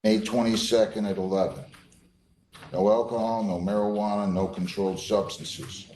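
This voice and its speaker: An American man presides over a court hearing as judge, speaking from the bench in a firm, plain-spoken, informal way and repeating points for emphasis. His voice is lowish and mellow, with flat delivery at a normal pace. The indoor courtroom gives a roomy echo with faint noise.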